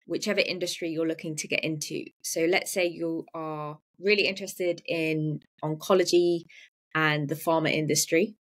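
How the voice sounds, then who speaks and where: Low-pitched female medical writer hosting a webinar, practical and explanatory, video call audio. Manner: practical, explanatory, starts points with "so". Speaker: freelance medical writer and course host. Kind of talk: live webinar Q&A.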